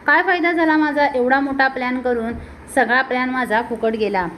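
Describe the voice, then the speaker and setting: A woman's voice: sits high, fairly even intonation, normal speed, a bit bright, slight background noise. A woman voicing a jealous, scheming young daughter-in-law who talks with scorn and bitterness. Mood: scornful.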